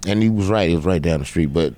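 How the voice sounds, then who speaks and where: A man from Arkansas, a guest comedian telling a story on a podcast, animated and quick to laugh. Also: low-pitched.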